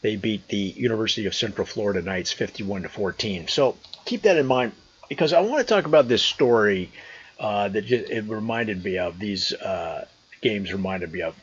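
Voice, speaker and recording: A man's voice: lowish voice, normal speed, muffled recording, a little hiss or hum. An American man chatting casually and telling a story to his vlog viewers in an amused, conversational manner, outdoors. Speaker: vlogger. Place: outdoors on a trail.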